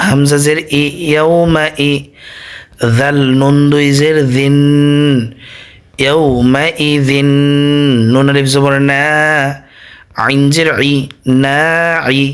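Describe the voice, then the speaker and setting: A man's voice: fairly high pitch, little pitch movement, slow, long pauses, smooth. A man teaching Quran reading who spells out the Arabic letters and vowel marks one syllable at a time, patiently repeating each sound.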